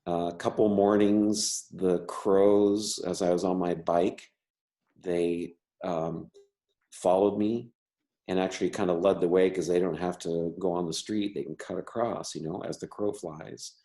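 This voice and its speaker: A man's voice: low voice, steady tone, unhurried, warm tone. A man who stutters, an artist and teacher talking casually in an interview, with many restarts and repeated words. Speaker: member artist.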